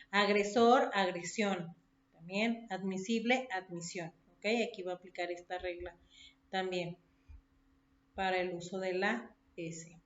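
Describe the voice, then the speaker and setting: A woman teacher giving a recorded lesson, listing words one by one and checking in with her listeners after each point. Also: fairly low pitch. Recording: dull echoey room recording.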